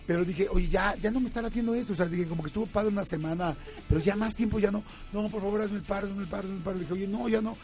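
Animated Mexican man telling a story. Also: high voice, very fast, faint music behind. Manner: animated, laughs often, acts out quoted voices. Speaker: guest. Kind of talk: casual storytelling.

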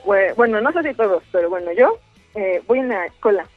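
A woman's voice: medium pitch, lively intonation, fairly quick, no room sound. A woman, a student calling in to a radio show, telling a story chattily with many fillers. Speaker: caller, student. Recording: dry, tinny phone line with music behind.

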